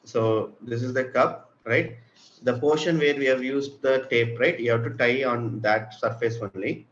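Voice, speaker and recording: A man's voice: medium pitch, fairly even intonation, unhurried, a bit bright. Muffled Indian man explaining to children. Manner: explaining to children simply and patiently, with repeated checks. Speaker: teacher giving a children's craft lesson. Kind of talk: step-by-step spoken tutorial. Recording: muffled, with clearly audible room noise.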